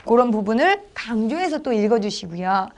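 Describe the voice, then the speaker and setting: Brisk, chatty middle-aged woman instructor, high voice, explaining teaching steps. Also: sing-song. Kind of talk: lecture for teachers.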